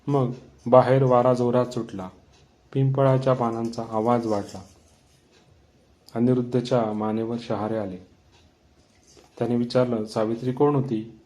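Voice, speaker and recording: A man narrating a horror story in a calm, measured storytelling manner. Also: medium pitch.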